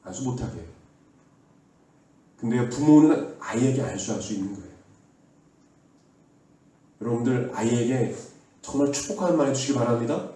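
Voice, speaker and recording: Pastor preaching in an echoing church hall. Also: male voice, mid-range voice, expressive, moderate pace, long pauses, dark tone. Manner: earnest exhortation, leads the congregation in call-and-response. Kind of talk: sermon. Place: church sanctuary. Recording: echoey hall from far off.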